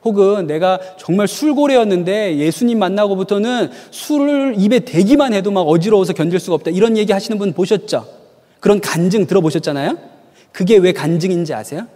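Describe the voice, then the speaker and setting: A man preaching in a high, animated voice that rises and falls freely. He tells stories and keeps asking his listeners questions. A long reverb trails his words. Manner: storytelling, asks the audience rhetorical questions. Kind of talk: sermon.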